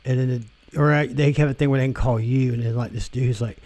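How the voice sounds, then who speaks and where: A man's voice: mid-range voice, fairly even intonation, fairly quick, darkish tone. Rambling, profane man ranting. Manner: rambling, profane, repeats and restarts himself. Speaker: vlogger. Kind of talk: casual rant.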